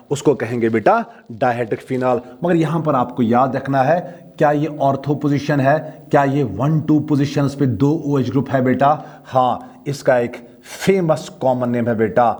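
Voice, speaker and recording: A man's voice: medium pitch, darkish tone. A man with a Kashmiri accent giving a chemistry lecture, asking his own questions, answering them himself, and fondly calling the students "beta". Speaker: chemistry teacher. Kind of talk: classroom lecture.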